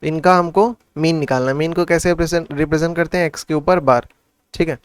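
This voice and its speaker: Hindi-English tutor man, crisp voice. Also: on the high side, fast, dry recording. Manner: works through sums aloud, Hindi mixed with English; asks and answers his own questions. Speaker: maths tutor. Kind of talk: casual classroom explanation.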